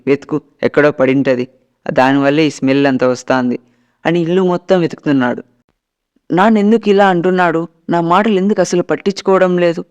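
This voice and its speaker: A man's voice: on the high side, a little mellow, clean tone. A man narrating a first-person Telugu ghost story, dramatic and quoting his family as he goes.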